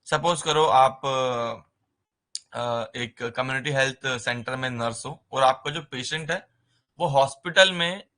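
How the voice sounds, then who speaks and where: A man teaching a nursing writing-exam lesson in a conversational way, often pausing with a filler and mixing terms into his speech. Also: medium pitch, bright, forceful tone. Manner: conversational, repeats "ठीक है" as a filler, mixes English terms into Hindi. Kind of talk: explaining exam basics in a recorded lesson.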